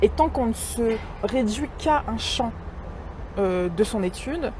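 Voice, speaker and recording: A woman from Congo answers interview questions slowly and thoughtfully, pausing often as she searches for words. Her voice sits a little high. Steady city noise and traffic run behind her. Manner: measured, many hesitations. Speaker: writer and poet, interviewee.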